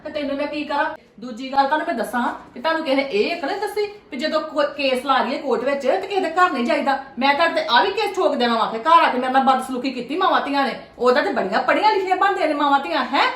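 A woman playing a sharp-tongued, defiant middle-aged mother-in-law who scolds loudly and sarcastically. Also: sits high, quick pace, few pauses, echoey room. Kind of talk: acted family drama.

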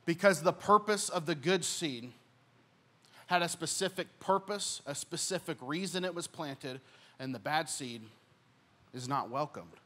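Young male pastor preaching on a church stage, handheld mic, earnest delivery that swells on key points and softens at phrase ends. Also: a little high, measured pace. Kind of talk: sermon.

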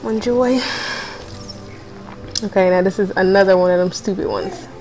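A woman's voice: mid-range voice, normal speed, mellow. A woman playing a video game at home, chatting casually to herself while she has the hiccups. She laughs a lot and swears freely. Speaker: let's play gamer. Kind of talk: casual gameplay commentary. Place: at home with others nearby. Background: faint game music.

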